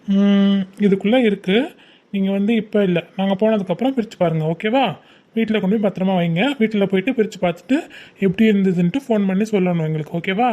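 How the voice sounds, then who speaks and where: A woman voicing a young male uncle, a college student, who gently coaxes his niece. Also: mid-range voice, fast, dull audio, lightly acted. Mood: coaxing. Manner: soothing, coaxing, repeats "okay?".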